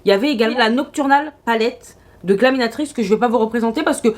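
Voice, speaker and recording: A woman's voice: on the high side, fast talker. Gushing woman reviewing makeup. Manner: gushing, exclamatory, chatty. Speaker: beauty vlogger.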